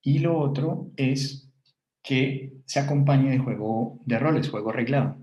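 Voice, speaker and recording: A man with a Colombian Spanish accent lectures to a class. His voice is dark and mellow, and he explains patiently, thinking aloud with fillers and restarts. The room is roomy and echoey. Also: mid-range voice, unhurried, muffled recording.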